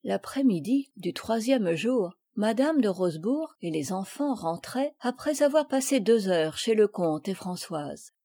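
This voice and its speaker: A woman reads a children's novel aloud as scripted narration. Her delivery is even and measured, her voice dark and mellow. The recording is dry and close. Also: mid-range voice, husky, dry recording. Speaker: audiobook reader.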